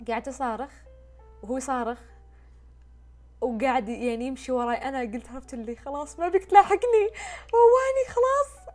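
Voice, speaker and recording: A woman, telling a story in a casual, expressive, chatty way. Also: fairly high pitch. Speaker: vlogger.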